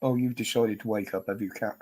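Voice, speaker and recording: This British livestream host has a fairly low, steady, darkish voice and talks fairly quickly through a blocked-up nose. He's chatty on the casual stream, greeting viewers by name and chuckling often.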